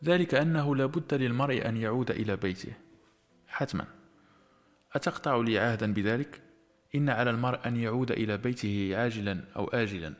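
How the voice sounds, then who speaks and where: A man's voice: medium pitch, quick pace, soft background music, natural voice. Man reading as a tender young woman.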